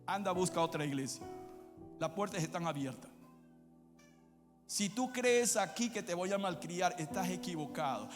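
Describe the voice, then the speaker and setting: A male pastor preaching a sermon, moving from quiet asides to shouted climaxes. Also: high voice, lively intonation, moderate pace, pauses often. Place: church. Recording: long church reverb with music behind.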